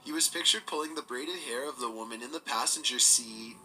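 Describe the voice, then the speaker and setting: A man giving scripted narration for a countdown video, in a steady, measured storytelling delivery. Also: medium pitch, soft background music, rough recording.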